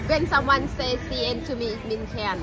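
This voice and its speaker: A woman's voice: on the high side, quick pace. A woman in her thirties with a Thai accent chats casually on a livestream in simple, broken English, often giggly. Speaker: livestream host at a bar. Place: open-front roadside bar at night. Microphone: phone at arm's length. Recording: noisy outdoor street bar, traffic and chatter.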